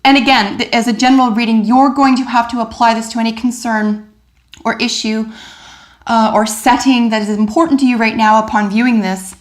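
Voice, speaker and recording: Tarot reader, woman, slightly high voice, excited and chatty, lots of ums and restarts. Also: fairly quick. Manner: animated, enthusiastic, many fillers and restarts. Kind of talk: general tarot reading to camera.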